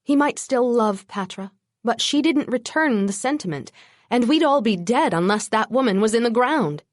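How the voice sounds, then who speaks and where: A woman narrating an urban fantasy audiobook in the first person, with a wry, brisk storytelling manner. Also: fairly high pitch, animated, dry recording, clean studio sound.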